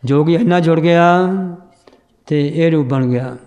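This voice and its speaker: A man teaching scripture, explaining verses and correcting a student's pronunciation, chanting the lines slowly. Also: on the high side, darkish tone. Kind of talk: religious teaching and pronunciation drill.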